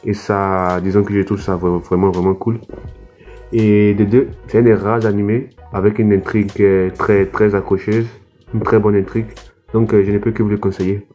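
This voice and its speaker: Young French male vlogger, casual anime review, halting delivery, low warm tone, soft music under. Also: level tone. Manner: hesitant, many fillers and restarts. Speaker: anime YouTuber.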